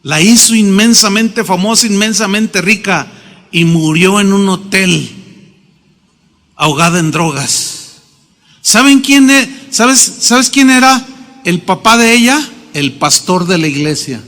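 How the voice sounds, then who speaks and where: A man's voice: high voice, expressive, a little slow, a bit bright. A middle-aged man preaching a sermon, telling stories emphatically and acting out the quotes himself. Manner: emphatic, storytelling with acted quotes. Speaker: pastor. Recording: long reverb of a hall.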